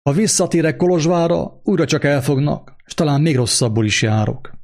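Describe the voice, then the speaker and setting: A haughty gentleman lawyer speaks with cool condescension, as a man reading a story plays him. His voice sits a little higher than plain speech. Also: lively intonation. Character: haughty male lawyer, middle-aged.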